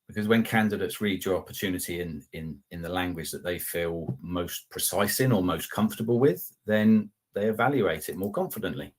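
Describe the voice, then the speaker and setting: Deep-voiced and brisk, barely pausing, a middle-aged customer success manager runs a live product webinar using slides and screen share. He speaks through a video call webcam in a conversational way, with fillers, restarts and polite asides.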